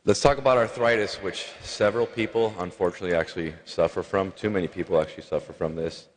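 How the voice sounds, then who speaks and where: A man's voice: low-pitched, fairly even intonation, fast. A man giving an earnest conference lecture to physicians, often repeating "actually". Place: large conference hall. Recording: long hall reverb.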